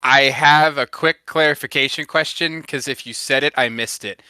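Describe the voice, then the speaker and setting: Bright, clear-voiced man chatting casually. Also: medium pitch, moderate pace, no echo. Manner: agreeable, hedging, self-correcting. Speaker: podcast co-host giving feedback. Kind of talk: casual chat.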